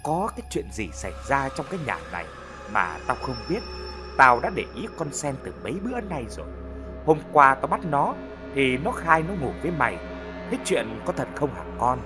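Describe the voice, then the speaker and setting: A man voicing a sharp-tongued older village mother who berates her son in a shrill, rapid voice, in an audio story. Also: sing-song, over music, close to an everyday voice. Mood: scolding.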